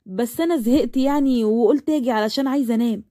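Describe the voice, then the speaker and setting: A woman's voice: fairly high pitch, very fast, dry recording, studio quality, close to an everyday voice. Woman voicing a shy young Egyptian woman. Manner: soft, hesitant.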